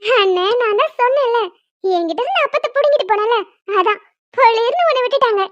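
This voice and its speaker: A woman voicing a cheeky younger sister who teases in a drawn-out, mocking way in a cartoon. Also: very high-pitched, animated, a bit bright, no echo. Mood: teasing. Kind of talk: cartoon voice acting. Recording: dull lo-fi dry recording.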